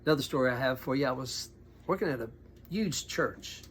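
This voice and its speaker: A middle-aged pastor telling personal stories in an animated way, sometimes dropping to a near whisper. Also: male voice, medium pitch, fairly quick, slight background noise. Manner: animated, acts out quoted voices, drops to a near whisper at tense moments. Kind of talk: storytelling monologue.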